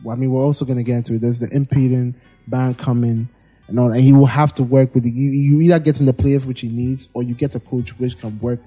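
A man co-hosting a podcast, debating football in a relaxed, hesitant way with frequent restarts. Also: medium pitch, quick pace, husky, soft background music. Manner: hesitant, restarts often, argues calmly. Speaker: podcast co-host.

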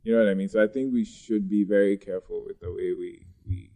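Podcast guest: man, low warm voice, thoughtful and searching for words. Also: fairly even intonation, fast, creaky. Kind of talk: casual discussion.

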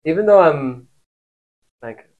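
A man's voice: a little high, animated, takes it slowly, narrow, tinny audio. A young man from Morocco, a podcast guest telling stories loosely and casually, with lots of filler "like". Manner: loose storytelling, heavy on filler "like".

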